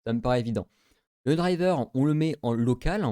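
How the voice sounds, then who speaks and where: A man's voice: medium pitch, animated, brisk, mellow, no room sound, studio quality. Casual man talking through a tutorial. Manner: casual, many fillers, thinks aloud. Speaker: tech tutorial host. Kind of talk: screen-recorded tutorial walkthrough.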